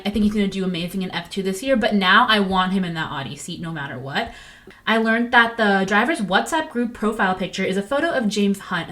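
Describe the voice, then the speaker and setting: A young woman hosting a casual solo podcast, chatty and jokey with quick asides. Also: medium pitch, sharp tone. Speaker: podcast host.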